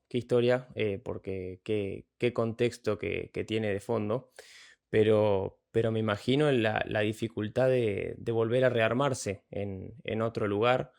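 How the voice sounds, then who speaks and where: A man's voice: lowish voice, fairly even intonation, measured pace, gravelly, a little mellow. A man, a podcast host asking long, reflective questions. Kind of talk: interview questions.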